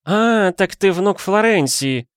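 A man voicing a bossy, loud middle-aged aunt who barks orders in an audiobook. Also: lowish voice, normal speed, no room sound, studio quality, pitched above the performer's own voice, close to an everyday voice. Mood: flustered. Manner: barking, commanding. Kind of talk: audiobook character voice.

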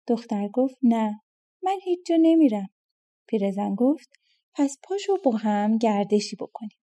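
Mellow-voiced woman reading a folk tale. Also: on the high side. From Iran. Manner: reads all parts herself, lifting her voice for quoted characters. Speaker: audiobook narrator. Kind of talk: storybook narration of folk tales.

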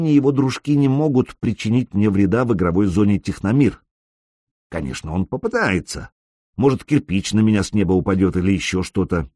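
A man reading an audiobook, voicing a self-assured young male gamer who speaks softly and reassuringly. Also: no room sound, studio quality. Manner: soft, low and reassuring.

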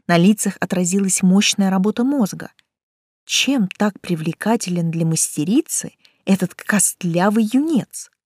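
A woman reading a first-person novel aloud in a wry, lively storytelling manner. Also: mid-range voice, husky, dry recording, studio quality. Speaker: audiobook reader.

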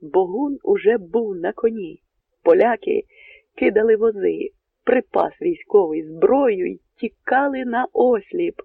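A man narrating a historical novel in a steady, measured storytelling voice. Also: high voice, gravelly, breathy edge, no room sound. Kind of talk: audiobook narration. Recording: narrow phone-like radio sound.

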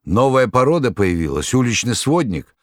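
A man reading an audiobook, voicing a proud, fierce woman who turns sharp and pleading. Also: on the low side, very animated, a little fast, no echo, studio quality, voice pushed up. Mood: indignant.

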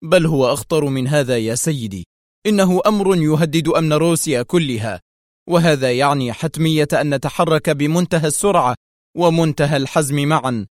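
A man's voice: fairly high pitch, fairly quick, no echo, clean studio sound, voice pushed up, close to an everyday voice. A man voicing a tense, fierce male intelligence officer who speaks with agitated, commanding harshness.

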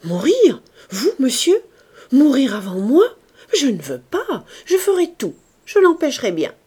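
A woman's voice: lively intonation, unhurried, breathy edge. A woman voicing a devoted, pious aging female servant who pleads and cries out. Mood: frantic pleading. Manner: pleading, crying out high and loud.

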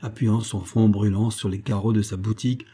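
Dark, husky man reading a story. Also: lowish voice, fairly even intonation, normal speed. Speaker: audiobook reader. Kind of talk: literary reading.

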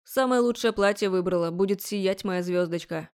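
A brash, bossy young man, as a woman narrator voices him, cocky and mockingly sweet. His lines come a little higher and louder than the narration, in a storybook reading. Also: normal speed, natural voice. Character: cocky, pushy young man, rector's son. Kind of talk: audiobook character voice.

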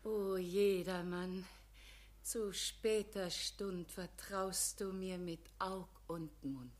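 A woman's voice: sits high, a bit bright. A woman playing a frail, devoted spirit of Good Works in a Bavarian dialect verse play, with a weak, pleading voice. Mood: sorrowful devotion. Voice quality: weak, feeble voice. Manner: labored, pleading, slow.

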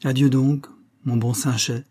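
A self-assured young woman teases in a warm, husky voice, as a male reader puts her on. She talks briskly and with light mockery. It is an audiobook reading. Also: mid-range voice, steady tone, natural voice. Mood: teasing.

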